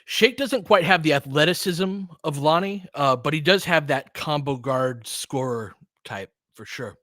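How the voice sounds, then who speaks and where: A man with a slightly high, fairly bright voice does informal live basketball commentary for his podcast, a little slow, in clipped phrases and with chat replies to listeners. There's no room sound, and the studio audio is clean.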